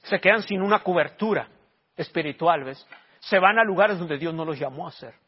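A man's voice: a little high, normal speed, husky. A man, preaching a sermon and questioning his congregation in emphatic rising bursts. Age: 40s. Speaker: pastor. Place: church. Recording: dull lo-fi sermon recording.

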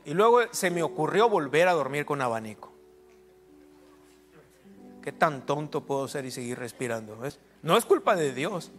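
A middle-aged man preaching in a loose, joking manner, with frequent prayers and amens slipped into his talk. His voice sits a little high for a man. Soft instrumental music plays quietly behind him. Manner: informal, joking asides with prayer interjections. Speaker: pastor. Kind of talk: sermon.

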